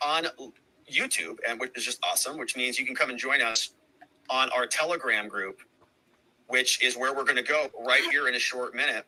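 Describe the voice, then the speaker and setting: Bright-voiced man hosting a livestream. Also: a little high, rough recording. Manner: chatty, thanks viewers by name, many asides. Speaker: livestream host. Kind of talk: casual livestream chat with viewers.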